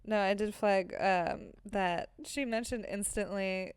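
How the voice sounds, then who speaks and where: A woman's voice: mid-range voice, fairly even intonation, slow pace, smooth, no room sound, studio quality. A young woman co-hosting a casual book-club podcast, chatty and laughing often, full of fillers. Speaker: podcast co-host.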